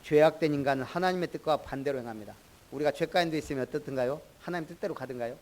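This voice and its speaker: A middle-aged pastor from in Korea preaches. His voice sits a little high for a man. He keeps the sermon conversational and calls on congregation members by name. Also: racing, a little hiss or hum. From Jeolla, Korea.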